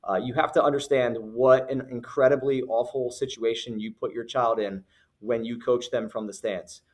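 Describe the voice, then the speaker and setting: A man's voice: mid-range voice, steady tone, normal speed. A man running a youth basketball league, giving firm, earnest rules to parents in a recorded announcement, with many fillers and restarts. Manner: repeats phrases for emphasis.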